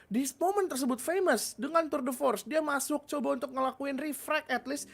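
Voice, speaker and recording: A woman's voice: high-pitched, moderate pace, creaky. A woman with an Indonesian accent giving casual analytical esports commentary, slangy and peppered with English gaming terms.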